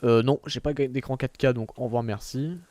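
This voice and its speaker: A man's voice: mid-range voice, fairly even intonation, moderate pace, dark tone. Chatty gamer guy, darkish voice. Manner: chatty and rambling, self-mocking asides; reads game menus and text aloud. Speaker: streamer playing a video game. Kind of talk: casual gameplay commentary.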